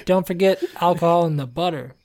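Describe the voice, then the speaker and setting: A woman's voice: lowish voice, fairly quick, darkish tone. A woman co-hosting a casual podcast who drops short, dry one-liners. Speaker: podcast co-host. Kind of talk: casual chat. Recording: noisy mic with clicks.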